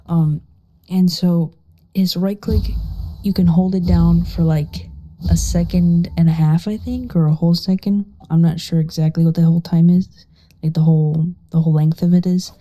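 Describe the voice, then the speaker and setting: Hushed, barely audible woman, low and dark. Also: steady tone, moderate pace. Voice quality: very quiet, hushed, partly whispered voice. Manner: casual, sweary. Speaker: gaming guide creator. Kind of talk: casual gameplay tutorial. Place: living room at home.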